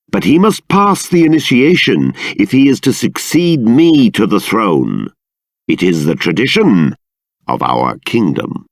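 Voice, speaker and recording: Gravelly, sweeping King Clavius, stern and regal. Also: fairly low pitch, no room sound, clean studio sound, heavily acted. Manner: regal, formal, deliberate, emphatic. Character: stately, stern king and exasperated father. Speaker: video game character voice. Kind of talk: theatrical fantasy game voice acting.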